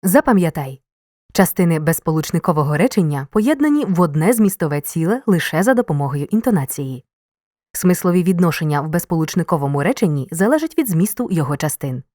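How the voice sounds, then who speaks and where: A woman narrating a scripted grammar lesson, reading example sentences in a clear, measured way with marked intonation. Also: fairly low pitch, sing-song, a little mellow, no room sound, clean studio sound.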